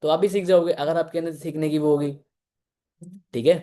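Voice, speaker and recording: Mellow-voiced man coaching sales objections. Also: steady tone, brisk. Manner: conversational, acts out both sides of a sales pitch, frequent filler checks. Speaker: sales team mentor. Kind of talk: motivational sales training talk.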